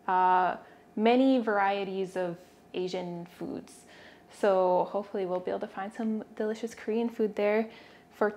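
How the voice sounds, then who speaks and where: A young woman with a Minnesota accent, chatting casually in a vlog, wry and quick to laugh. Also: medium pitch, a little mellow. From Minnesota, USA. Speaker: vlogger.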